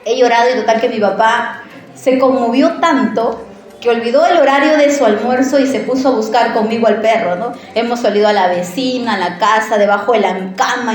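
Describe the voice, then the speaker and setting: A woman preacher giving a sermon in a church, telling a personal story in an animated, conversational way and often asking the listeners questions. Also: fairly high pitch, heavy reverb.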